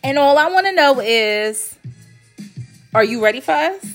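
A graphic design company owner and podcast host speaks casually alone, her voice high, expressive, fairly bright and a little slow. She sounds congested as she recovers from illness, yet stays chatty and emphatic, repeating phrases for stress, while faint music plays behind.

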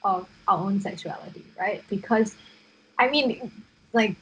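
A woman's voice: medium pitch, unhurried, fairly bright tone, slight background noise, low-quality recording. A young woman studying psychotherapy, co-hosting a podcast and talking earnestly with many fillers. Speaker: podcast co-host, psychotherapy student. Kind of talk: casual chat.

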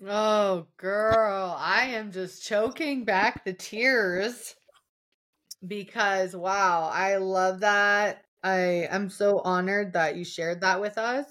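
A woman's voice: medium pitch, slow pace, a bit bright. A woman hosting a podcast, reflective and emotional, talking through a personal story with many fillers. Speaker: podcast host. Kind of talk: conversational interview.

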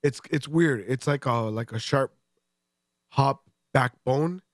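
In a relaxed beer-tasting segment, a podcast co-host describes a beer in detail, speaking slowly in a mid-range voice through heavy congestion. His talk is profane and joking, full of frequent laughter, and the audio is dry with studio quality.

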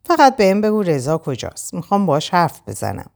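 A woman's voice: on the low side, wildly swooping pitch, creaky, a little mellow, pitched above the performer's own voice, full character voice. A woman voicing a remorseful young woman who pleads and weeps in a storybook. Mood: pleading. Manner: pleading, tearful.

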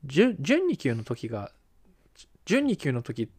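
A man co-hosting a casual podcast, relaxed and teasing, now and then slipping into English phrases. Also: mid-range voice, slow. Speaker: podcast co-host.

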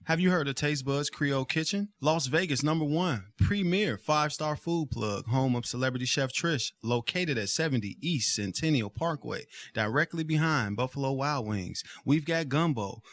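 A man's voice: medium pitch, fairly bright tone, dry recording. A man reading a local restaurant commercial as an emphatic announcer.

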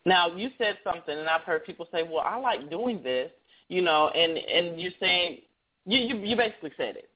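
A male radio show host chats loosely in an interview over a tinny, phone-like line, and mentions that he has a heavy voice. His voice sits high and is expressive at a moderate pace. He is chatty, rambling and restarting as he goes.

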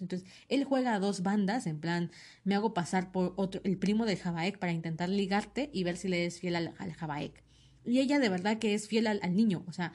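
A woman, hosting a casual podcast and chatting about comics with opinionated, animated asides. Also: medium pitch. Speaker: podcast host reviewing comics. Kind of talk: casual chat.

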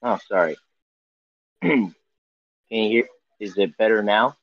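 Man on a video call, dull muffled audio, dry sound, halting chatty podcast talk. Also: lowish voice, dry recording. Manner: halting, with many fillers and self-corrections. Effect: on a video call, audio breaking up. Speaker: podcast co-host. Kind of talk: casual chat, reading news headlines aloud.

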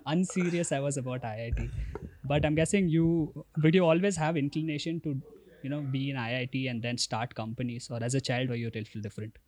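A man's voice: mid-range voice, steady tone, fairly quick, a little mellow, a little hiss or hum, poor audio. Male podcast host, Indian accent, mid-range voice, conversational interviewing. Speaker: podcast host, stand-up comedian.

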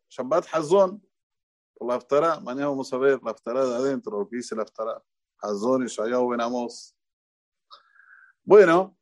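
A man's voice: a little high, dry recording. A man with an Argentine Spanish accent giving an informal Torah talk as a rabbi in a synagogue, joking, quizzing the congregation and repeating points for emphasis. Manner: lively, jokey, questions the audience, repeats for emphasis.

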